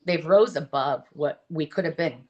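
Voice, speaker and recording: A middle-aged woman with a notably low voice, speaking as an interview guest. She talks in an open, earnest, halting way, breaking off and restarting her sentences. Her delivery is candid and conversational. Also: dull audio, a little hiss or hum.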